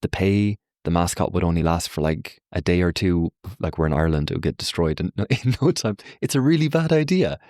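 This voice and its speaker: Podcast guest, young man, deep voice, lively storyteller, close dry sound. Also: a little fast, hardly any pauses, dry recording. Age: young adult. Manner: animated, acts out quoted voices, frequent fillers. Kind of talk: reflective conversational explanation. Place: Ireland.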